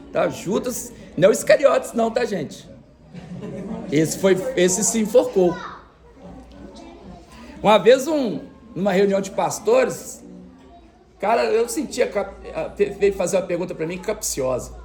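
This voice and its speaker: A male pastor preaches to his church in a loose, joking way and teases people in the pews. His voice sits high and swings up and down a lot. A gravelly rasp runs through it. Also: lively intonation, measured pace, pauses often, a little mellow. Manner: joking, chatty, teasing the congregation. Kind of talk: sermon. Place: church service.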